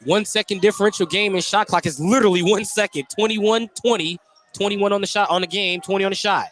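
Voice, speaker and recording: A fast-talking man with a high-pitched, fairly bright voice provides live basketball play-by-play on radio. He's courtside in an indoor gym, with gym noise and a bouncing basketball behind him.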